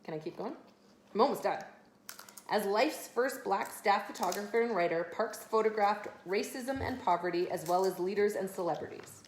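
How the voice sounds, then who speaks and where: This mother's voice is medium-pitched and moderately paced as she reads a children's biography to her kids and chats with them casually along the way. The recording comes from an echoey room at home with some faint noise behind her.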